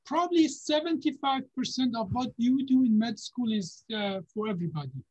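A man, a neurosurgeon giving unhurried, halting career advice over a video call from a home office. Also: very high voice, animated, a little mellow. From Iran. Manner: unhurried, halting, with many fillers and restarts. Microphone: video call webcam. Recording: dull, lo-fi video call audio.

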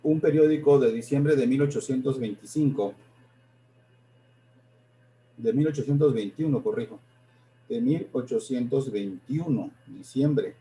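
A man giving a live-streamed history lecture, pausing often, repeating words and correcting himself as he goes. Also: medium pitch, mellow. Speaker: history presenter.

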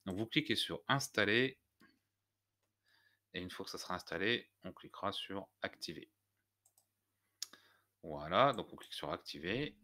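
A man walking viewers through a software tutorial step by step, hesitant and full of fillers. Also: sits low, lively intonation, unhurried, long pauses. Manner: hesitant, many "heu" fillers, step-by-step explaining. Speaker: WordPress tutorial host. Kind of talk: screencast tutorial.

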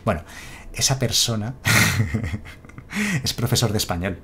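A man's voice: mid-range voice, sing-song, a little slow, bright, forceful tone, slight background noise. A man from Spain, chatting casually on a live stream and reading out chat messages.

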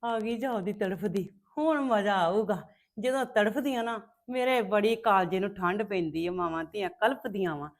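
In a web drama, an actress plays a spiteful, scheming relative who relishes a family's misery, gloating over and taunting a mother and daughter. Her mid-range voice sounds natural, and she speaks at a moderate pace.

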